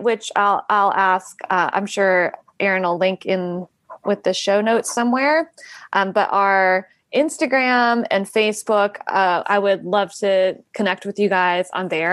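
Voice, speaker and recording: A woman's voice: medium pitch, a little slow, no room sound. A woman guest talking about founding a nonprofit, rambling with many fillers and restarts. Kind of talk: casual interview answers.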